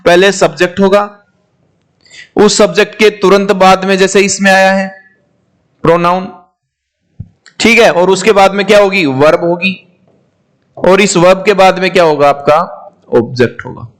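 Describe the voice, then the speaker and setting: A man's voice: high voice, normal speed, pauses often. A man teaching an English grammar class, asking questions and repeating the answers, calling his students "my children". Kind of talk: classroom lecture.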